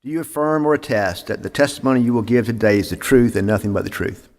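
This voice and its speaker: A man's voice: mid-range voice, quick pace, darkish tone. A man chairing a city board meeting, reading procedure formally with frequent "uh" fillers, on a meeting microphone. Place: city hall meeting chamber. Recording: echoey council chamber.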